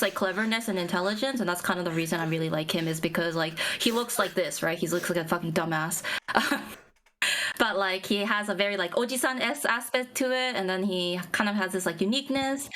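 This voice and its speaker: A woman's voice: mid-range voice, a bit bright, a little hiss or hum. A young woman streamer in casual chat with friends, explaining at length with lots of fillers and restarts. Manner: rambling, many fillers and restarts.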